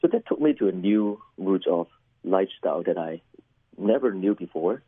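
A middle-aged Hong Kong man, a pastor and chaplain whose first language is Cantonese, appears as a guest in a personal testimony interview about his life. He speaks haltingly with many fillers and repeated words, in a low, husky voice. The sound is phone quality with no room sound.

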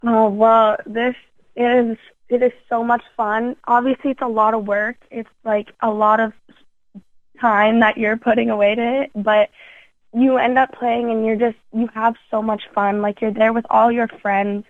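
A woman's voice: fairly high pitch, little pitch movement, unhurried, no echo. Teenage girl, enthusiastic interview guest, phone-line sound, dry. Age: teens. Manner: enthusiastic, lots of fillers and restarts. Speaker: youth athlete guest.

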